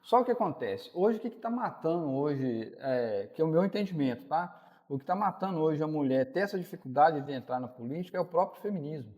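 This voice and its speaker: A man's voice: fairly high pitch, lively intonation, fairly quick, a little mellow, big-room sound. A Brazilian man in his forties, a city councilman interviewed on a podcast, speaking casually and saying "cara" often. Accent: Brazilian Portuguese. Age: 40s.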